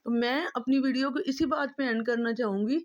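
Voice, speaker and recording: Brisk and high-sitting, a Pakistani woman vlogger's voice comes through lo-fi audio. Near tears, she pleads with passion in a monologue, driving each point home by saying it again.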